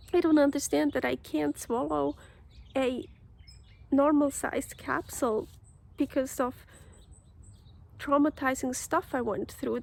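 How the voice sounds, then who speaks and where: Slow, halting woman with a gravelly voice. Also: sits high. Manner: halting, many restarts and fillers. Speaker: vlogger. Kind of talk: casual personal vlog.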